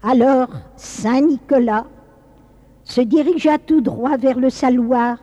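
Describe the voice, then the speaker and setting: Slow, husky woman storyteller in reverb. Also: sits high, dark tone. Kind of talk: scripted storybook narration.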